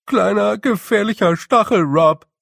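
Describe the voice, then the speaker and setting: A man voicing a tiny, fretful blue male fairy warrior who sounds anxious and apologetic, in a high and loud voice. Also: a little slow, creaky, no echo, clean studio sound, full character voice. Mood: sheepish.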